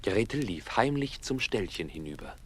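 Lively male fairy-tale narrator. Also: on the low side, normal speed, soft background music. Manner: lively storyteller, acting out quotes.

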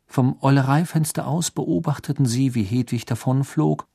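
A narrator reading an audiobook with lively storytelling. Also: medium pitch, moderate pace, gravelly, slightly rough.

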